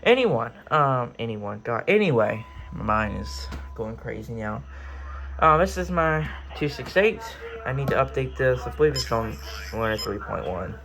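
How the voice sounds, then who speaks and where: A radio hobbyist and vlogger shows off his gear in his own room, rambling and hesitating as he thinks out loud in this unscripted show-and-tell. His voice is medium-pitched, expressive and fairly bright at a normal speed. The home recording is clearly noisy.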